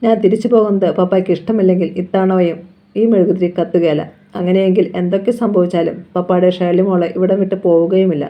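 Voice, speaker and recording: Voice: mid-range voice, steady tone, quick pace, lightly acted. The reader voicing a grieving young mother. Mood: pleading. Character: grieving young mother praying at her father's grave. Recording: dull lo-fi recording.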